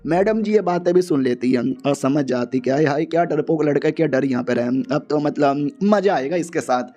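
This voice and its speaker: A man's voice: a little high, brisk, dark tone. A man casually retelling a manga chapter in a jokey, slangy, exaggerated way. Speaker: manga recap narrator. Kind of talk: casual comic story recap.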